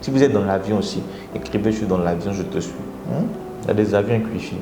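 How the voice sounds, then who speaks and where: This fast-talking motivational speaker from Congo, with a Congolese French accent, hosts a live session where he animatedly coaxes viewers and often bursts into high exclamations. The room echoes and background noise is audible.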